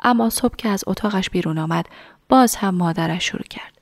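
A woman narrating a story in a soft, half-whispered reading voice. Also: mid-range voice, no echo, studio quality.

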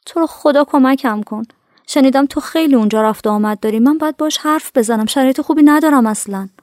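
A woman's voice: a little high, steady tone, dark tone, no echo, studio quality, natural voice. An actress playing a distressed young woman who pleads and complains to her friend in a narrated radio drama. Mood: pleading. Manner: pleading, reproachful.

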